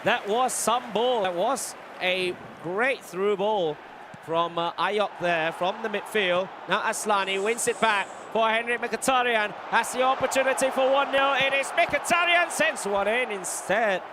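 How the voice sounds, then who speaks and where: High-pitched male esports commentator. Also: measured pace, noisy background. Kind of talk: live football game commentary and analysis.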